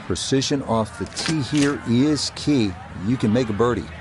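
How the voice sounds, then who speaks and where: A man giving measured golf commentary as lead announcer, appreciative of the shots he calls. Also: medium pitch. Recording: outdoor crowd and ambient noise behind. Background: crowd and outdoor ambience.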